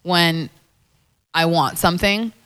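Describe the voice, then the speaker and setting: Low-voiced woman, thoughtful dating coach. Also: slow, a bit bright, clean tone. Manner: thoughtful, repeats words, laughs often. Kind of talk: casual interview chat. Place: lives in New York.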